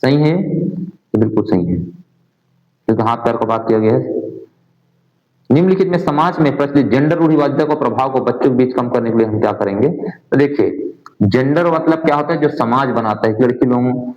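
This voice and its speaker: A man's voice: mid-range voice, normal speed, long pauses, a little mellow. A male coaching teacher working through exam answers in Hindi, mixing in English terms and asking his class questions that he answers himself. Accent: Hindi, sprinkled with English exam terms. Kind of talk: answer-key lesson walkthrough. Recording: dull, roomy lo-fi sound.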